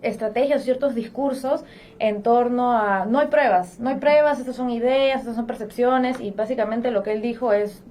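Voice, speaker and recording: A woman speaking as a political science guest on a discussion podcast, analytical and lively, with frequent fillers. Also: a little high, normal speed, a little hiss or hum. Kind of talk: conversational panel discussion.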